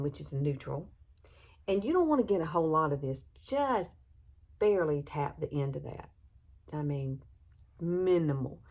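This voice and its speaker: A woman in her sixties with a lowish, darkish voice and a Southern US accent gives a makeup tutorial from her bedroom. As a beauty vlogger she's talkative and folksy, laughing often, and the video is captured on her phone camera alone, no external mic.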